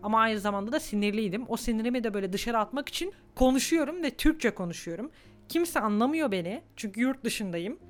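A woman's voice: a little high, animated, fast talker. A woman in her twenties hosting a solo podcast, talking candidly and emotionally, close to tears at times. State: on the verge of tears. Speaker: podcast host. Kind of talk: reflective solo podcast monologue.

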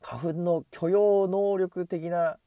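Mellow-voiced man rambling with a runny nose. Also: high-pitched, steady tone, slow pace, dry recording. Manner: chatty and self-amused, talks to himself. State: runny nose from hay fever. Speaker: solo podcaster. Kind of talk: casual rambling monologue. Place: outdoors on a street, walking. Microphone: earbud headset mic.

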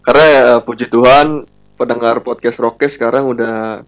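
A man's voice: mid-range voice, fairly even intonation, normal speed. Indonesian man in casual, joking podcast chat. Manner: informal, joking. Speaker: podcaster, live stream guest.

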